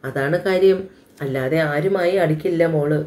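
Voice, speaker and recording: An anxious, loving older mother in her sixties from an audio storybook, voiced by a woman narrator. She pleads gently and in a motherly way, with a mellow, dark-toned voice. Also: deep voice, moderate pace, close to an everyday voice. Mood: worried.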